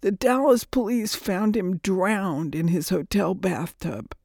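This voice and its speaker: A woman's voice: medium pitch, creaky, darkish tone, breathy edge, no echo, clean studio sound, heavily acted. A woman voicing a grieving man with a ragged, choked voice as he breaks terrible news over the phone. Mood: gentle. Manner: halting and choked.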